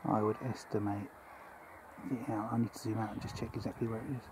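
A man from England giving live commentary while he films a bird on open fenland, talking quietly to viewers through his camera mic. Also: lowish voice, level tone, fast. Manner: quiet, musing asides to viewers. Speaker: wildlife filmer. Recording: outdoor camera audio with wind and bird noise.

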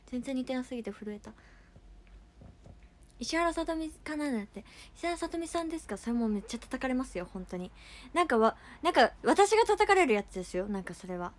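A woman's voice: fairly high pitch, sing-song, fairly quick. A young woman hosting a casual livestream who chats in a filler-heavy way and reacts to fan comments as she reads them. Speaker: idol livestream host.

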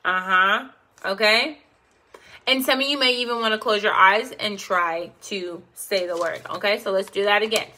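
A woman's voice: mid-range voice, normal speed, sharp tone. A woman hosting a self-help video, coaxing viewers through a call-and-response affirmation exercise with encouraging murmurs.

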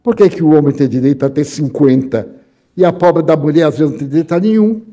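An older Brazilian man tells stories in a lecture, his voice a touch higher than most men's yet soft and mellow. He brings anecdotes to life with lively shifts of voice. His delivery is warm and expressive. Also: fast. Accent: Brazilian Portuguese. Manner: animated, acts out dialogue with lively voice shifts. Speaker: spiritist lecturer. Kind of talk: storytelling lecture.

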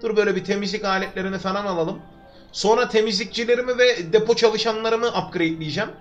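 A man's voice: high voice, fast talker, dull audio, soft background music. A young man from Turkey livestreaming a game from his room, chatting with viewers and joking to himself as he plays. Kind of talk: live gameplay commentary. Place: home room. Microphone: desk microphone.

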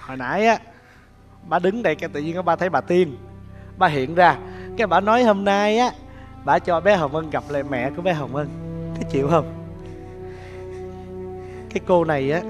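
A man's voice: on the high side, normal speed, long pauses, natural voice. An actor playing a poor street-singer father, speaking with a coaxing, tender manner. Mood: gentle. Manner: coaxing, tender, then loud and frantic. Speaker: actor in a staged skit. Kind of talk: sentimental stage drama. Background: music.

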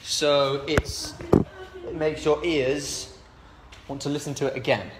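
A young man chatting casually and joking on a livestream while playing pool in a flat. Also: on the high side, slow pace. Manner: joking, laid-back. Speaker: band member on livestream. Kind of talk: casual chat. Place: flat with pool table, indoors. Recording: echoey room with background noise.

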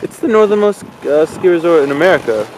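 Filmed on a handheld action camera at arm's length, a young male vlogger chats excitedly on the ski slope and chairlift, laughing a lot. His voice is a little high and he talks quickly over a noisy background.

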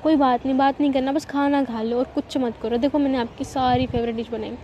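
A woman's voice: high voice, fairly even intonation, brisk, a little hiss or hum, close to an everyday voice. A woman voicing a caring, playful young woman who coaxes and teases, in a dull lo-fi recording. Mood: coaxing.

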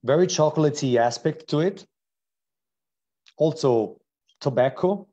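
A man's voice: on the high side, expressive, measured pace, warm tone, husky, lo-fi sound. A man with an Italian accent hosting a live online wine tasting, describing wines with enthusiasm and frequent restarts. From Italy.

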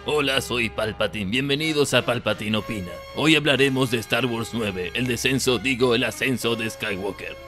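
A man's voice: mid-range voice, normal speed, hardly any pauses, bright, forceful tone, natural voice. A man with a Latin American Spanish accent voicing a grumpy, sardonic old evil emperor in a comic parody review. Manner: sardonic, exasperated, swearing. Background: background music.

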